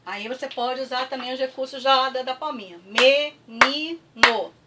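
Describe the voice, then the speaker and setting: Brief: Brazilian woman teacher, high voice, patient, drills syllables slowly, mic set back from her. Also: steady tone, fairly bright tone, distant mic, slight background noise. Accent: Brazilian Portuguese. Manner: patient, repeats words slowly with clapping, frequent "tá?" checks. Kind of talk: classroom review lesson.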